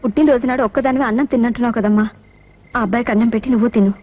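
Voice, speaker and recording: A woman's voice: fairly high pitch, racing, over music, natural voice. An actress playing a kind young mother who pleads earnestly and emotionally, in 1980s film dialogue. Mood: pleading. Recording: dull old film soundtrack with noise.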